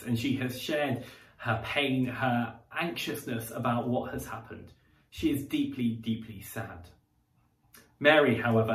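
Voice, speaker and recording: A man preaching a sermon in an unhurried, reflective way, often pausing and filling gaps with soft hesitations. His voice sits in a middle register and carries a roomy echo, picked up from some distance away in a church. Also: mid-range voice. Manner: conversational, reflective, with frequent pauses and fillers.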